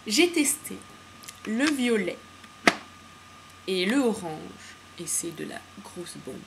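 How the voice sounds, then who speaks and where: A woman's voice: mid-range voice, very animated, takes it slowly. A bubbly woman chats to her viewers from home about her latest polish finds. She rambles happily, stumbling over fillers and slang. Her voice sits in a middle register, with a faint hiss of background noise. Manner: chatty and enthusiastic, many fillers and slang. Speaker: beauty vlogger. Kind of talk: casual nail polish haul chat. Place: home room with windows open to the street.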